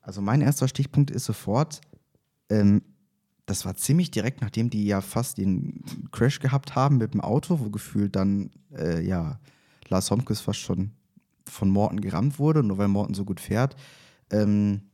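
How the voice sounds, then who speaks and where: Husky, low-key male podcaster in echoey room. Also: normal speed, warm tone. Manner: hesitant, rambling and informal. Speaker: fan podcast host. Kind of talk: casual podcast chat. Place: echoey space outside the studio.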